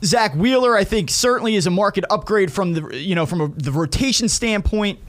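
A man's voice: sits high, lively intonation, brisk, fairly bright tone. A man giving conversational sports and betting analysis as a podcast commentator.

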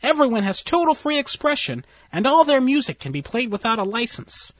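A man's voice: very high-pitched, big pitch swings, a little fast, fairly bright tone, dry recording, lo-fi sound, voice pushed up, exaggerated voice. A man playing a jittery alien underling. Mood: nervous. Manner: hesitant, anxious, deferential. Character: nervous alien male science officer, timid.

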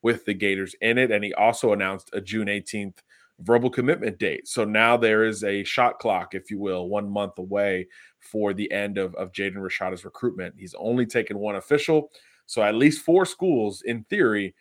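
Low-voiced man giving recruiting analysis. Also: fairly even intonation, moderate pace, dry recording, clean studio sound. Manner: confident, analytical, many "uh" fillers. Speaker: football recruiting analyst guest. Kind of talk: interview answers.

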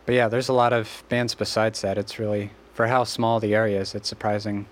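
A man's voice: lowish voice, flat delivery, a little fast. Casual male podcast host asking questions. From Western Massachusetts. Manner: friendly, curious questioning. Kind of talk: casual interview.

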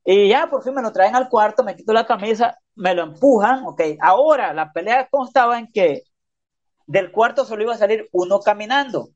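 A man's voice: high-pitched, animated, moderate pace, dull audio. A man telling a story in a casual interview, full of slang and sound effects. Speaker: podcast guest, prisoner.

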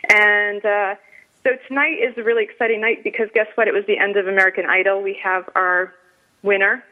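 A woman's voice: mid-range voice, a little fast. Chatty woman host on a tinny line. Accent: northern US. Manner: chatty, excitable, gushing. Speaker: talk show host. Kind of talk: casual radio show chat. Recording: phone-like narrow sound.

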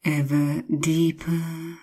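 Very slow, husky woman narrating sleep hypnosis. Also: low voice, flat delivery. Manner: hushed, soothing, often slipping into whispers; drawn-out, repetitive phrasing with long pauses.

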